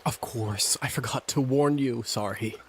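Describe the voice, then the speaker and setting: A man's voice: mid-range voice, measured pace, breathy edge. An actor playing an easygoing male vampire mentor in a video game, coaxing and conversational, casually reassuring. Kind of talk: scripted game dialogue.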